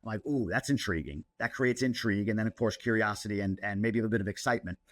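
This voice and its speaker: A man, a content creator guest, talking in a casual interview with an excitable, animated manner. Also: on the low side, racing, no room sound.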